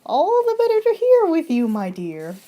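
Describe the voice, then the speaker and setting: A woman's voice: very high-pitched, wildly swooping pitch, moderate pace, lo-fi sound, pitched above the performer's own voice, full character voice. A woman doing a sly wolf posing as grandma. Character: sly big bad wolf disguised as grandma.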